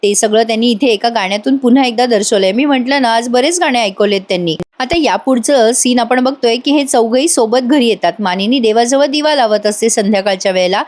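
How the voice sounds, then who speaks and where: A woman's voice: fairly high pitch, fairly quick, hardly any pauses, a little mellow. A woman narrating a voice-over recap of a TV serial, chatting directly with her viewers. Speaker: TV serial reviewer.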